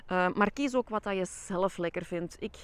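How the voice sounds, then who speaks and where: A middle-aged Flemish woman speaks in a clear, smooth female voice at a medium pitch. She gives an informal book talk in a conversational way with thoughtful pauses, and the sound is dry. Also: no echo. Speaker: book reviewer. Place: outdoors in a leafy garden.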